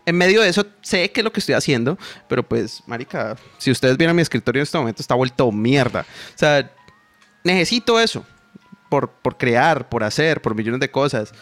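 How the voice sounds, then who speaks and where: A man's voice: medium pitch, sing-song, brisk, fairly bright tone, no room sound, soft background music. A young man, a podcast guest, talking loosely in slang and poking fun at himself. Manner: loose, slangy, self-mocking. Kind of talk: casual chat.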